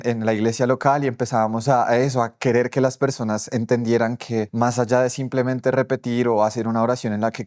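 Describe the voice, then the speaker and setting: A man's voice: mid-range voice, a little mellow, no room sound, studio quality. A young man and youth leader telling a personal faith testimony in an earnest, emotional way.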